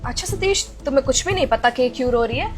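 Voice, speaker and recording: An actress playing a wealthy wife and employer who scolds and commands indignantly, in a melodrama. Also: female voice, high-pitched, expressive, fast talker, faint music behind. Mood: accusing. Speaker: lady of the house. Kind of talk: social-media melodrama acting.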